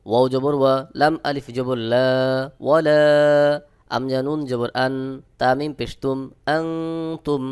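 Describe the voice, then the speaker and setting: Bangladeshi guy teaching quran reading, spells it out then chants slow, smooth clear voice. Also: medium pitch, flat delivery, a little mellow. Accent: Bangladeshi Bengali. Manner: slow, drawn-out chanted recitation between plain explanations. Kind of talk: spelling-out Quran recitation lesson.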